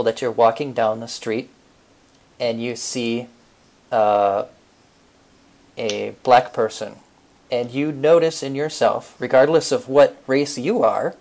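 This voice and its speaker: A man on a podcast explaining a mind technique step by step, relaxed, with frequent fillers. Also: mid-range voice. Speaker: podcast co-host. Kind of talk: casual teaching talk.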